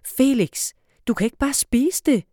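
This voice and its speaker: A woman voicing a bossy, protective young girl in a storybook reading, speaking high and insistently. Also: expressive, no echo, studio quality.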